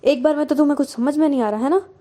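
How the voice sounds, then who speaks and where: Woman voicing an irritated young female teacher, snappy, scolding, fairly high voice. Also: quick pace, dark tone, lightly acted. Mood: angry scolding. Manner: snappy, scolding when angry.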